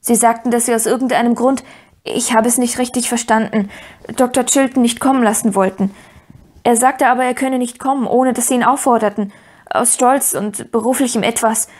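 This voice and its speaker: A woman's voice: fairly high pitch, fairly even intonation, brisk, a little mellow, close to an everyday voice. A woman reading an audiobook, voicing an eager, earnest young boy who talks in urgent, breathless bursts. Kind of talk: audiobook character voice.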